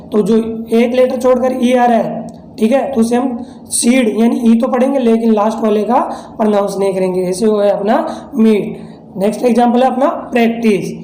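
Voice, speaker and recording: In a classroom-style lesson, a man from India teaches English pronunciation, explaining step by step and answering his own questions. His voice is very high and mellow, and the audio is poor, reverberant, and carries slight background noise.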